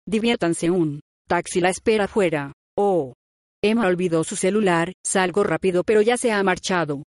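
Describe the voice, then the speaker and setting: A woman's voice: mid-range voice, darkish tone, no echo, clean studio sound. A woman reading a first-person audiobook, voicing all the characters' lines in her own plain voice. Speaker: audiobook narrator.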